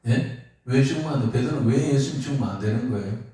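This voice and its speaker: A pastor preaches a sermon in a lively way, firing questions at his congregation as he goes. He's medium-pitched and talks fast, recorded in an echoey hall with the mic far off.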